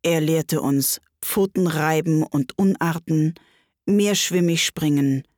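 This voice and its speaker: A woman voicing a melancholy mock turtle in a storybook reading, speaking slowly with sighs. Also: deep voice, a little mellow, no echo, studio quality. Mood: mournful. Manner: slow, sighing and plaintive. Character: melancholy sighing mock turtle, slow and mournful.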